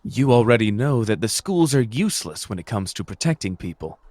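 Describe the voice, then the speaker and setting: A lowish male voice with a sing-song lilt portrays a suave, rogue sorcerer for an anime audio roleplay. He speaks formally and deliberately, coaxing and manipulating with smooth persuasion, and there's no room sound in the recording.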